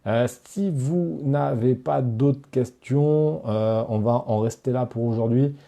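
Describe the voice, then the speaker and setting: A man's voice: medium pitch, slow, vocal fry, warm tone. A man hosting a live stream, chatting casually with viewers and answering their questions, with lots of fillers and restarts. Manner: talks straight to viewers, reads out chat questions. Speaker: online course creator hosting a live Q&A.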